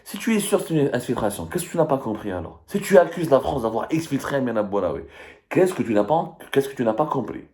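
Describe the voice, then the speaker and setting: Speaking fast in a mid-range, sing-song voice with a darkish tone, this Algerian-accented man offers live political commentary. He reads statements aloud and dissects them, pressing his points emphatically, argumentatively and over and over.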